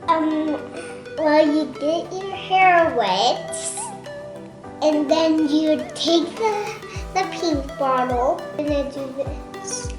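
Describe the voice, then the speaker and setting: A young girl explaining a routine in slow, hesitant steps. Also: high-pitched, animated, roomy sound, music in the background.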